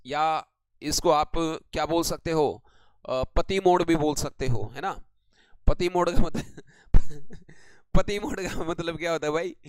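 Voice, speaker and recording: Guy teaching english words live, kinda high voice, smooth, dry close sound. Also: a bit bright, no echo. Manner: asks and answers his own questions, greets viewers. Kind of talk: live online vocabulary lesson.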